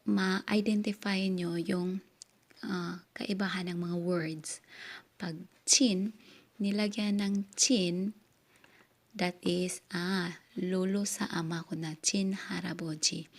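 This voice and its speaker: A woman whose first language is Korean teaches Korean words in a casual lesson. She mixes Tagalog and English, spells words out syllable by syllable and checks in with "okay?" again and again. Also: lowish voice.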